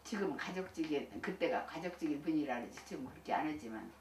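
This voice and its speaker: Older lady minister telling old stories, lively voice going up and down, sounds far from the mic in a roomy hall w/ light hiss. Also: sits low, fast. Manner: folksy and chatty, laughs often, many restarts. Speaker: senior Won Buddhist minister. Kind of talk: recounting life experiences to listeners. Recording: echoey room, distant mic, faint hiss.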